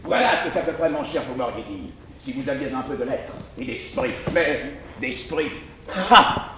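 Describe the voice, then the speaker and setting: A man's voice: medium pitch, normal speed, natural voice. An actor playing a proud, witty swordsman who mocks his own huge nose in classical verse, declaimed as a hammy stage performer with grand flourishes. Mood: haughty, biting. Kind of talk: classical French verse theatre monologue. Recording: very echoey hall, distant mic, background noise.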